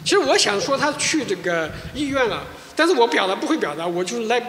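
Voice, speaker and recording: Male pastor, fast lively testimony, echoey church hall. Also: very high voice. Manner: animated storytelling, frequent restarts. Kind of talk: sermon testimony.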